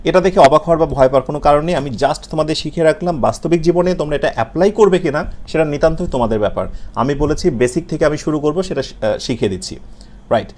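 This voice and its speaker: In a video lesson, a Bengali-accented man with a somewhat high, slightly mellow voice teaches English letters and pronunciation. He repeats sounds slowly and asks and answers his own questions.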